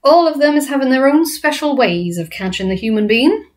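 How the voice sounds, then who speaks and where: A woman's voice: high-pitched, lively intonation, fairly quick, voice pushed up. A woman voicing a big, kindly male giant who mangles his words and grammar, reading aloud from a storybook. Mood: confiding.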